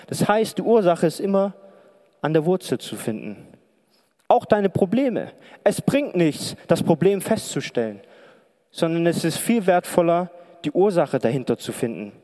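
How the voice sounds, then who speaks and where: Guy preaching a sermon on stage, chatty, keeps asking the crowd questions, slightly high voice, long hall echo. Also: big pitch swings, moderate pace, dark tone. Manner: conversational, asks the audience many questions. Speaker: preacher and pastoral counselor. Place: lit stage before an audience in a large hall.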